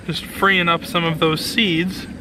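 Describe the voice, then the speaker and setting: A man's voice: on the high side, flat delivery, a little slow, background noise. An enthusiastic man giving casual hands-on commentary as a gardening vlogger.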